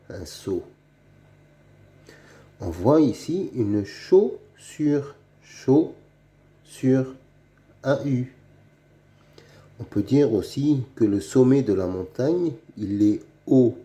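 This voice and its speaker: Slow, dark-voiced man teaching reading. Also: medium pitch. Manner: repeats each word twice, spelling out sounds letter by letter. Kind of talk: slow, deliberate reading lesson for children.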